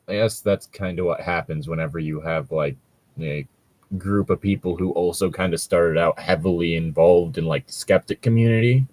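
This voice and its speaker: Reacting as a co-host to stories being read out, this man speaks in a low, darkish voice with no echo. His casual chat and commentary ramble along, full of hedging and offhand profanity.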